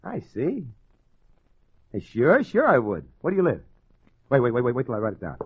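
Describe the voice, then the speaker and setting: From a muffled old 1940s radio crime drama, a man plays a cocky, wisecracking small-time gangster and ladies' man, all slangy tough-guy talk. His medium-pitched voice is breathy and heavily acted, swooping wildly at normal speed, with a casual, lively mood.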